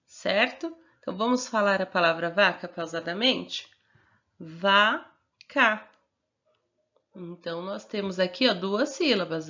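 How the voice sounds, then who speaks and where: A woman's voice: medium pitch, fairly bright tone, highs cut off. A woman teacher with a Brazilian Portuguese accent, giving a recorded lesson to young children and patiently sounding out words syllable by syllable.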